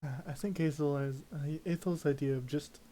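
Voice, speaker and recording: A man with a fairly high voice plays a tabletop role-playing game. He talks in a halting, hesitant way, speaks in character and narrates his character's actions. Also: fairly even intonation, mellow, poor audio. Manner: hesitant, halting delivery with fillers.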